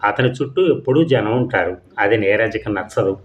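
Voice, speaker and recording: A man reads a short story aloud for an audio story channel in a calm, even storytelling voice. His voice sits on the low side. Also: normal speed, highs cut off.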